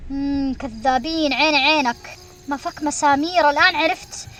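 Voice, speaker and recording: A woman streamer giving excited commentary while she plays a game, shrieking when she is chased. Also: sits high, normal speed. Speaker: gaming streamer.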